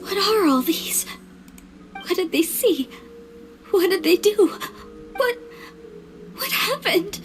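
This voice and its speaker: A small, excitable girl companion from a video game. The voice is extremely high, squeaky and childlike, with clear music playing behind it. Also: slow, pauses often, full character voice. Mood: curious, uneasy. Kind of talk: scripted video game voice acting.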